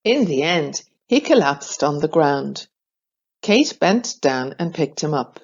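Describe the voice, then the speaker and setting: A woman reading a children's storybook aloud, slow, clear and expressive. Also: deep voice, muffled recording.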